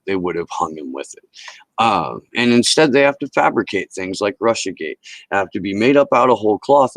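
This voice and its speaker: A man's voice: on the low side, no echo, rough recording. A middle-aged man hosting a livestream, ranting casually and profanely into a headset mic. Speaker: livestream host.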